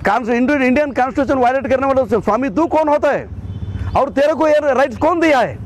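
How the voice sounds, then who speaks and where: Very high and fast, this man's voice comes with a slight hiss or hum. He is a political activist and an organisation's state president speaking Hindi in a Karnataka accent, and his statement is combative and impassioned, with phrases often repeated.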